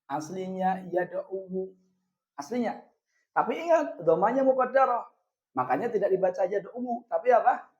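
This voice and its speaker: A man with an Indonesian accent teaching a grammar lesson, asking questions and answering them himself, and drawing out the example words slowly. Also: sits high, lively intonation. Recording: echoey room, dull lo-fi sound.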